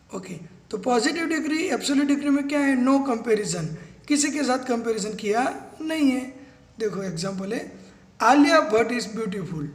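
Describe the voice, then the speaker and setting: A man teaching English grammar step by step, spelling words out letter by letter and reading English definitions slowly. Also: very high-pitched, reverberant. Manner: mixes slow English definitions into quick explanations. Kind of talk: classroom-style grammar lesson.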